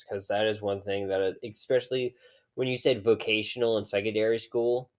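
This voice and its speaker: A low-pitched man chats loosely on his podcast. He rambles, trails off and fills gaps with likes and ums, sounding high and unhurried. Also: a little mellow, smooth. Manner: rambling, laid-back, trails off with fillers. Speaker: podcast co-host. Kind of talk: casual chat.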